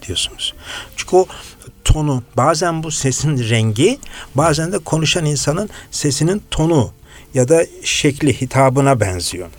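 A man's voice: fairly high pitch, normal speed, soft background music. A man from Kars, a guest voice impressionist, telling stories animatedly on a radio show. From Kars, Turkey. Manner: animated, shifts into imitated voices. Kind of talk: casual storytelling. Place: radio studio.

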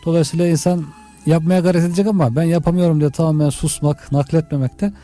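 A man's voice: fairly high pitch, steady tone, quick pace, mellow. A man explaining religion in conversation, earnestly restating his points in small steps. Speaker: religious commentator in a discussion.

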